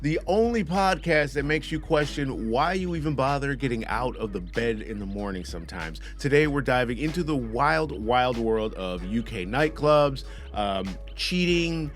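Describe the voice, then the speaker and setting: A man's voice: mid-range voice, lively intonation, moderate pace, few pauses, soft background music. A man hosting a podcast, delivering sarcastic commentary with a mocking, snarky manner. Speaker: podcast host.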